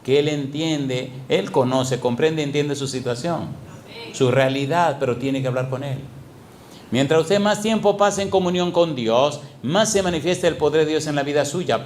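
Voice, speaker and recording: A man's voice: a little high, slight background noise. A middle-aged man preaching a sermon as a pastor, asking the congregation question after question and playing with sound words.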